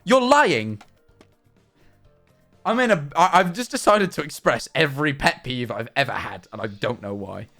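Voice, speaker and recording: A young man streaming live, chatting in a rambling, animated, self-mocking way. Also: medium pitch, brisk, few pauses, faint music behind. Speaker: livestreamer. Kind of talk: casual stream chat.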